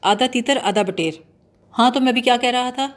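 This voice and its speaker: A woman's voice: fairly high pitch, natural voice. A woman reading the part of a bumbling, mock-serious young man who blusters and lectures pompously. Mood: lecturing.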